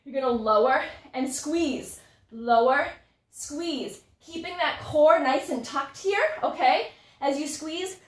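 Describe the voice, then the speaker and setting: High-voiced woman coaching a live workout, kinda breathless, chatty w/ viewers, echoey and far from the phone. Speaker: fitness instructor. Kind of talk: live-streamed workout instruction. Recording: echoey room, voice from a distance.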